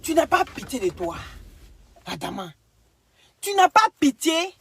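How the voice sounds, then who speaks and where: A woman ranting at someone in a clash video, scolding and insulting, swinging between loud outbursts and mutters, with bits of broken English. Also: high voice, big pitch swings, measured pace, vocal fry. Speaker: social media commentator.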